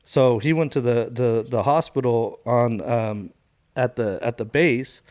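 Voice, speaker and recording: A man's voice: mid-range voice, unhurried, darkish tone. Laid-back man telling a war story. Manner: laid-back, profane, laughs through his story. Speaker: Marine veteran guest. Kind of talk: casual storytelling.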